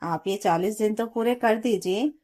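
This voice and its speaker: A woman's voice: medium pitch, normal speed, mellow, lightly acted. A woman voicing a weary pleading young mother. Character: young worn-out new mother, pleading daughter-in-law.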